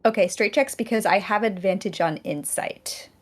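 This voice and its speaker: A woman playing a tabletop game, chatty and playful, quick to argue rules. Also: mid-range voice. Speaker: player.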